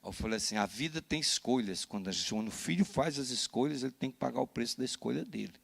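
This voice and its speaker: A Brazilian man, a pastor, telling a personal story in a sermon, animated and often adding "né?" to his lines. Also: mid-range voice, fast talker, creaky, breathy edge. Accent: Brazilian Portuguese. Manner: animated storytelling with frequent "né?" tags. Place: church.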